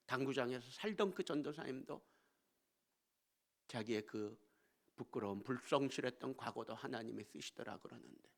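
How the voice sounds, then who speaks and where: A male pastor preaching a storytelling sermon in a church. He swings between hushed asides and emphatic exclamations. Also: medium pitch, moderate pace, gravelly. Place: church sanctuary.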